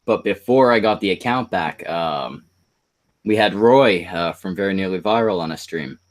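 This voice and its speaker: A man's voice: deep voice, normal speed. A man hosting a stream, telling a long crude story in rambling casual chat. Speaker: stream host.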